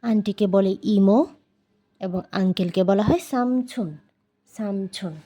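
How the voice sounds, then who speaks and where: Patient woman teaching slow word drills. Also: mid-range voice, warm tone. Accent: Bangladeshi Bengali. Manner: repeats each word slowly, patient and explanatory. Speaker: language teacher. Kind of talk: casual vocabulary lesson.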